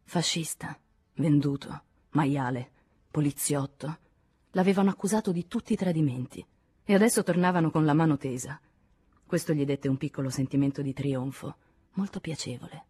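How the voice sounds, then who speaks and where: A woman reading a literary novel aloud in a measured, even audiobook narration. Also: sits low, breathy edge. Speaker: audiobook reader.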